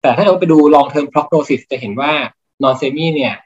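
Male doctor guest, measured teaching delivery, lo-fi audio. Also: fairly high pitch. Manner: explanatory, measured lecturing with medical terms. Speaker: cardiologist guest. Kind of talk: teaching clinical points in a podcast interview.

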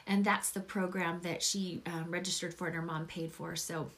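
A middle-aged woman hosting a conversational faith-based interview, encouraging and effusive, rambling gently as she goes. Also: on the low side, flat delivery, moderate pace. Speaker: podcast host and program coach.

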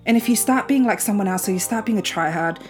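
A woman's voice: medium pitch, fast, soft background music. A woman of about twenty-nine, chatting informally as the host of a solo podcast recorded at home. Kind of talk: casual solo podcast talk.

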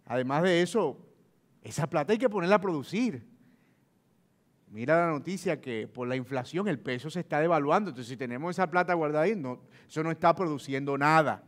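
A man's voice: fairly high pitch, lively intonation, brisk, close to an everyday voice. A man voicing a worried wife who lectures her husband reproachfully about their savings. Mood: urging.

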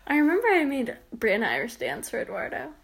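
A young woman chats in a casual, lively way and laughs often. Her voice is fairly high and bright, and its pitch moves up and down a lot. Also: quick pace, vocal fry, breathy edge. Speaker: vlogger. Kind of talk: casual chat.

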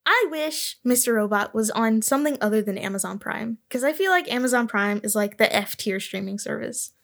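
A woman's voice: on the high side, expressive, fairly quick, vocal fry, fairly bright tone. Chatty woman co-host, rambling opinions. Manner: rambling, self-correcting, vibes-based opinions. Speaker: podcast co-host. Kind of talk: casual chat.

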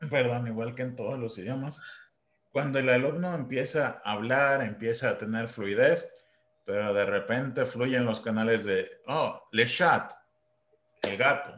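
A man's voice: mid-range voice, measured pace, a bit bright, echoey room. A man hosting an interview, an English teacher sharing his own reflective anecdotes. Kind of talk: interview conversation.

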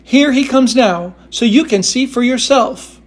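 A man voicing a timid, fragile young china princess who speaks delicately and slowly. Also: extremely high pitch, husky, voice pushed up, heavily acted. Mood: prim. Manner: frightened, pleading, slow and delicate.

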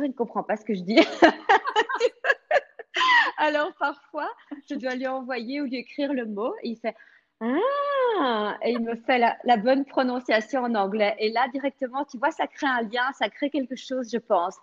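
A woman with a strong foreign accent talks about teaching French in a lively, casual podcast chat. Her voice sits fairly high. The recording is muffled and lo-fi. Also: fairly quick. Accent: strong non-native French accent.

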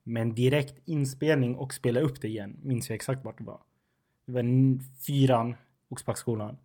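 A man in his twenties with a suburban Stockholm accent, co-hosting a casual podcast and telling stories about himself. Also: medium pitch. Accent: Stockholm suburban Swedish. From Sweden, near Stockholm. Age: 20s. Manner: animated, self-mocking storyteller. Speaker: podcast co-host. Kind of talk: casual chat.

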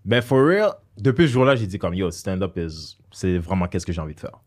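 A man's voice: low voice, big pitch swings, fairly quick. A young man from Quebec in his twenties hosting a casual podcast, mixing English slang into his French and laughing easily. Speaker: podcast host and stand-up comedian.

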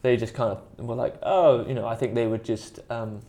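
A man's voice: medium pitch, flat delivery, fairly quick, warm tone. A man from the South Wales Valleys with a Welsh Valleys accent, talking as a musician in a casual interview, rambling and self-deprecating as he tells his story. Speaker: musician and producer in a band, interview guest. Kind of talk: casual conversational anecdote.

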